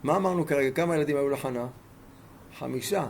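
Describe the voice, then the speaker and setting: Gravelly-voiced rabbi teaching emphatically. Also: male voice, medium pitch, a little hiss or hum. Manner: emphatic, fires rhetorical questions at listeners. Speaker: rabbi teaching a Torah class. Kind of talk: Torah lesson with storytelling.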